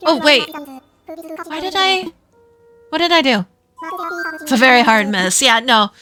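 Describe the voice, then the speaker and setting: A woman's voice: sits high, big pitch swings, measured pace, sharp tone, faint music behind. A woman from Minnesota with a Minnesotan accent, chatting casually and giggling while streaming a game. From Minnesota, USA. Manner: chatty, giggly, rambling aside to chat.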